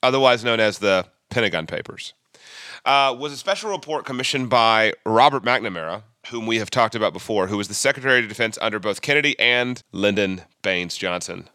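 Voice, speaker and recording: A man's voice: lowish voice, animated, brisk, sharp tone, no echo. A man co-hosting a casual podcast, congested from allergies, rambling and joking at his own expense. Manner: rambling, self-deprecating joking. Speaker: podcast co-host.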